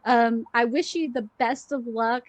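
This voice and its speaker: A woman hosts a relaxed interview, her voice a little higher than usual. She asks questions in a friendly, upbeat manner and thanks her guest warmly. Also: measured pace, dry recording, poor audio. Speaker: host. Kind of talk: casual interview.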